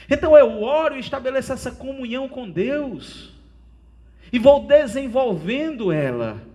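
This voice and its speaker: Brazilian male pastor, high-pitched, earnest sermon delivery that keeps addressing listeners as "dear". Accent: Brazilian Portuguese. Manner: earnest preaching, often calls listeners "querido".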